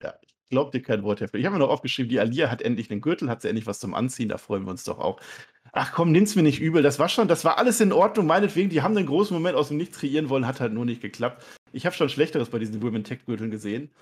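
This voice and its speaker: Teasing guy on a wrestling podcast, rapid, bouncy, jokey. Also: medium pitch, expressive, darkish tone, breathy edge. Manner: sarcastic, teasing, joking. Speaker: podcast co-host. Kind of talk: casual wrestling podcast chat.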